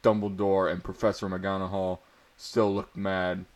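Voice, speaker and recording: Reading amateur fiction aloud with mock drama, this man keeps cracking up and adding his own asides. He speaks a little slowly, in a low voice with a level tone.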